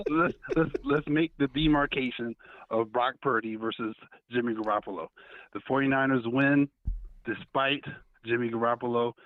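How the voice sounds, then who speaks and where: A man's voice: mid-range voice, fairly bright tone, dry recording. Man arguing over a muffled phone line. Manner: argumentative, repeats his points. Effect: heard over a phone line. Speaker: caller. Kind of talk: casual sports debate. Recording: dull, dry lo-fi phone call.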